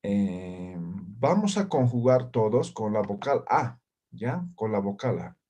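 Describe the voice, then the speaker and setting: A man teaching a language class over a video call. He is patient, checks in constantly with short tag questions, and says practice syllables loudly and distinctly. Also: lowish voice, lively intonation, slow, dull audio, slight background noise. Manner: patient, ends phrases with "¿ya?" and "¿no?". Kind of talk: online class.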